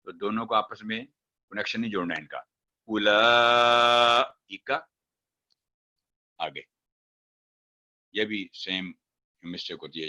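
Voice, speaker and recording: Here a man teaches Quran recitation, sounding out sample words one syllable at a time before walking through the rules. The pitch is fairly low, the tone sharp, and the recording lo-fi.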